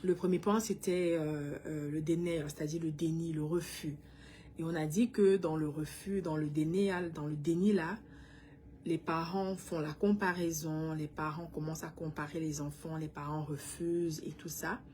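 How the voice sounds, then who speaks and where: A woman's voice: low voice, fairly even intonation, normal speed, mellow. A woman from Cameroon with a Cameroonian French accent, a mother talking earnestly and directly to other parents, sometimes switching into English. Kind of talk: casual direct-to-camera talk.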